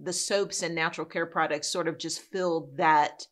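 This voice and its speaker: A woman from New York City, a guest in a casual interview, telling her story in a relaxed, self-deprecating way. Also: low voice, moderate pace. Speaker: guest, soap business owner.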